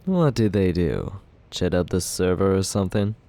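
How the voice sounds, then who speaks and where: Deep and animated, this young man's voice carries vocal fry and a dark tone at normal speed. He's cast as a cocky male villain wooing the listener in ASMR roleplay, justifying himself in a teasing, relaxed way.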